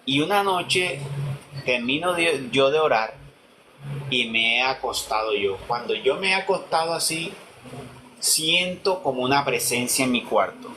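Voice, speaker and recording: A man's voice: mid-range voice, lively intonation, measured pace, bright, forceful tone, a little hiss or hum, rough recording. A man telling his conversion testimony, acting out the dialogue he quotes. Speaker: testimony speaker.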